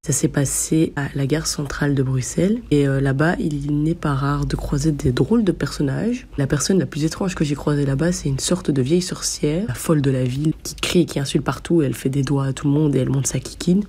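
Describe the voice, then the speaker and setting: A woman's voice: low-pitched, fairly quick, few pauses, dark tone, breathy edge. A woman telling a crude personal anecdote in a vivid, hesitant way, with many fillers. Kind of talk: casual storytelling.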